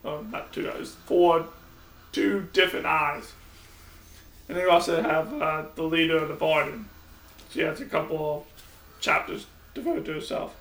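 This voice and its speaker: A man's voice: fairly high pitch, a little slow, long pauses, fairly bright tone. A man giving a casual, rambling vlog book review, often restarting his sentences. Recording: echoey room, mic at a distance.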